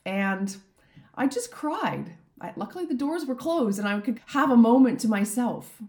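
A middle-aged woman from Canada, a coach hosting her own podcast, talking through a heartfelt solo episode in a slightly croaky voice. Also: medium pitch, darkish tone. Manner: earnest, heartfelt, openly emotional. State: slightly croaky from a throat infection. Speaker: business and life coach, podcast host. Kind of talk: reflective solo podcast monologue.

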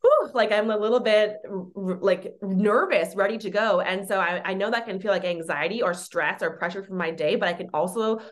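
A woman who works as a children's therapist, a podcast guest talking in a chatty, animated way with many fillers. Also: medium pitch, fairly quick, hardly any pauses. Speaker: pediatric occupational therapist guest. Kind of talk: casual podcast conversation.

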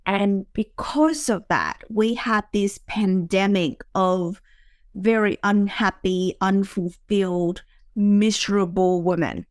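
Speaking slowly in a medium-pitched voice with fairly even intonation, a podcast host from Vietnam talks reflectively about her life, searching for words amid fillers and restarts. The recording is dry, with clean studio sound.

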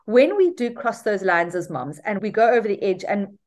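A middle-aged woman, a mother of three, co-hosting a casual podcast in an animated, reflective way that often repeats words. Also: medium pitch, moderate pace. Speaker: podcast co-host.

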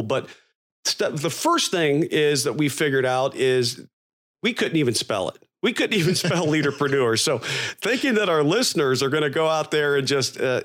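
A man co-hosting a podcast in casual conversation, wordy and thinking aloud as he goes. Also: a little high. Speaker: podcast co-host.

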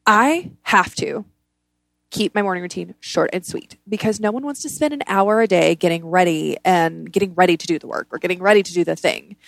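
Creaky-voiced woman podcaster, blunt and casual. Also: lowish voice, brisk, no room sound. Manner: informal, blunt, emphatic with repeated words. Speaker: podcast host. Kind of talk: casual motivational self-help podcast talk.

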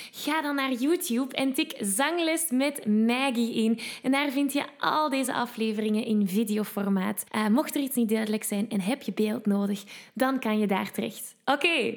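A woman hosting a podcast singing lesson, coaching in an upbeat, encouraging way. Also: a little high. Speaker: singing teacher and podcast host.

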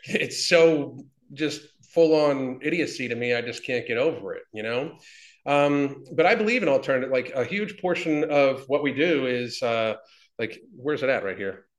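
A man's voice: medium pitch, expressive, normal speed. A man in his fifties, talking bluntly and with lots of swearing, rambling with restarts as an interview guest. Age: 50s. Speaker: interview guest, fitness business owner. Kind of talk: casual interview talk. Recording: echoey room.

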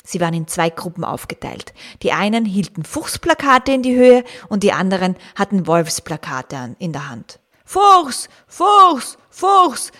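A woman narrating a children's story gently, speaking directly to the young listener. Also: on the low side, very animated. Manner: slow, gentle, addressing the young listener, at times whispering.

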